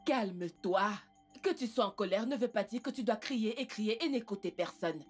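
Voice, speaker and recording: A woman dubbing a gentle royal mother who calmly soothes her son in a dubbed film. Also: medium pitch, moderate pace, slightly rough, faint music behind, close to an everyday voice. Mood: soothing. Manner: calm, soothing.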